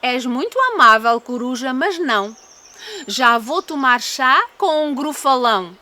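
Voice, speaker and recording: Woman doing a cheeky high-pitched little storybook mouse. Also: animated, a little slow, pushed and bright, exaggerated voice. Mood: cheeky, boastful. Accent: European Portuguese. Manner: polite, teasing, dramatic. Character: small brave cunning male mouse, boastful and cheeky. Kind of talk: storybook character voice.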